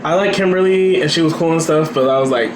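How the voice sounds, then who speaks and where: A man in his thirties co-hosting a casual podcast, relaxed and easygoing. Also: a little high, fast. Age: 30s. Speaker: podcast co-host. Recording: roomy with air-conditioner hum.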